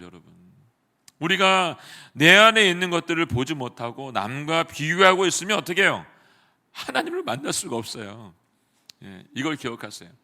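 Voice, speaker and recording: A man preaching a sermon as pastor in a church, animated, acting out inner dialogue with sudden swings from soft to loud. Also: on the high side. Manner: lively preaching, acts out inner dialogue with quick shifts in loudness. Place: church sanctuary.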